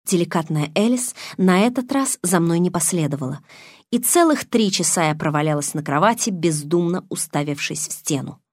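A woman's voice: lowish voice, lively intonation, normal speed, no room sound, studio quality. A woman reading a first-person novel aloud as an audiobook narrator, voicing the characters' lines herself with tense expression.

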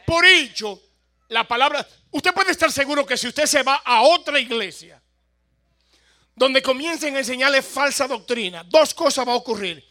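A man's voice: extremely high pitch, expressive, normal speed, sharp tone. A pastor from El Salvador with a Salvadoran accent, preaching a sermon and questioning his congregation, with amens in between.

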